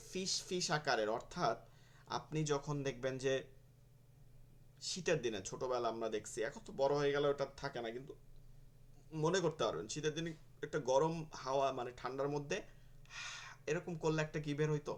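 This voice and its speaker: Patient male teacher, a bit high-voiced, repeats each letter sound for students. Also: fairly quick. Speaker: Quran teacher. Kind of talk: online pronunciation lesson.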